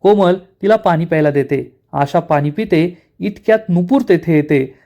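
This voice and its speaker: A man's voice: on the high side, moderate pace. A man narrating a recap of a TV serial episode, telling the story step by step and reading out each character's lines. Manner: steady retelling that reads out each character's lines.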